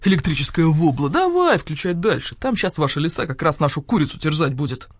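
A woman's voice: low-pitched, sing-song, fairly quick, dry recording. A woman voicing a rude, snapping male guard dog in a children's audiobook. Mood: brash, snapping. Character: gruff brash male village guard dog.

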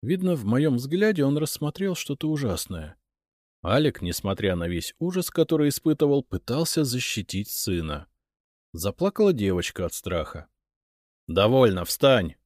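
Мужчина-рассказчик, аудиокнига, средний голос, сухой звук без эха. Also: male voice, mid-range voice, big pitch swings, a little mellow, no room sound, clean studio sound. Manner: measured storytelling that voices each character. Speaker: audiobook narrator. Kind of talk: first-person audiobook narration.

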